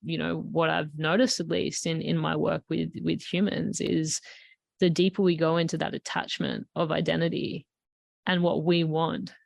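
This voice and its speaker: A woman's voice: low voice, level tone, moderate pace, gravelly, no echo. A woman hosting a podcast, asking thoughtful, reflective questions with fillers like "you know". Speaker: podcast host. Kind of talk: interview questions.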